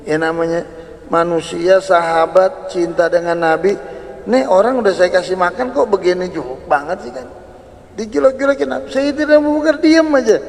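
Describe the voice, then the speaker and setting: A man preaching a sermon, telling a story in an animated way and repeating key words for emphasis. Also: high-pitched. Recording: reverberant hall.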